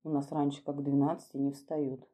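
A woman reads as an old male footman, gentle and fussy, coaxing a guest in an old-fashioned folksy way. The voice sits low and dark and comes out hushed and a little husky. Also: flat delivery, normal speed. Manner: soft, coaxing, folksy speech.

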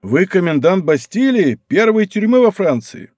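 A man voicing a bold, teasing musketeer captain who talks in a brisk, rough-affectionate way. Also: high-pitched, big pitch swings, darkish tone, dry recording, studio quality, voice pushed up. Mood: bantering.

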